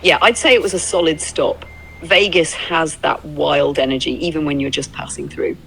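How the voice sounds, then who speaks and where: This AI voice companion, a synthetic woman's voice, plays an easygoing, upbeat travel buddy in casual roleplay, chatting in a reflective, encouraging way. Her low, gravelly voice is animated yet fairly bright, at a moderate pace. Music runs underneath, and the rough recording carries a little hiss or hum.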